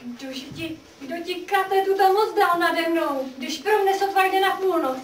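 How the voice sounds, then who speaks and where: A high, trembling young woman in a prison cell, half out of her mind with grief, begging in stagey verse, heard through a roomy, distant mic with faint hiss. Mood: pleading. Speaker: actor in a radio play. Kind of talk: theatrical verse radio drama.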